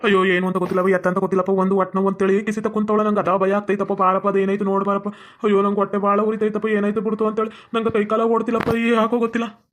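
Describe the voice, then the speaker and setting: A man's voice: sits high, completely flat delivery, rapid-fire, a bit bright. A man playing a flustered young husband with a North Karnataka Kannada accent. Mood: panicked. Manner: flustered, calling out in a hurry.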